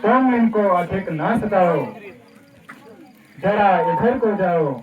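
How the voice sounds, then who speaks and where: A man's voice: high voice, lively intonation, takes it slowly. A man playing a courteous, steadfast prince in a Ramleela folk stage drama, speaking in a formal, conciliatory manner. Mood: calm, firm. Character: courteous, steadfast prince pacifying an angry sage. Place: stage of a Ramleela club, distant mic. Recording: echoey, muffled, distant stage sound.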